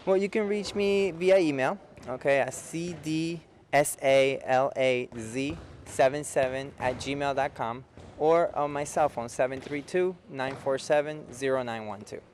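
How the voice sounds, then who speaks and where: With a medium-pitched voice and measured pace, a Peruvian youth futsal coach in his forties speaks in a local cable TV interview at an indoor futsal facility. He keeps explanations simple and often adds "okay?", while a little hiss or hum runs underneath.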